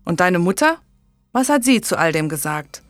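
Woman reading as a gruff commanding medieval lord. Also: lowish voice, big pitch swings, moderate pace, dry recording, studio quality, faint music behind. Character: stern angry medieval English lord, older man.

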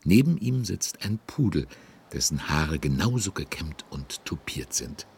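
A man's voice: a bass voice, a little slow, vocal fry, slight background noise, exaggerated voice. A man narrating a scripted children's story in a genial, amused and wry manner. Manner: wry, lively.

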